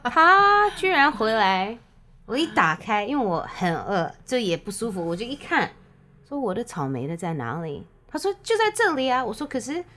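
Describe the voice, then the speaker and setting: A woman's voice: on the high side, big pitch swings, normal speed, sharp tone. A woman telling a story in casual chat, switching often between Mandarin and English.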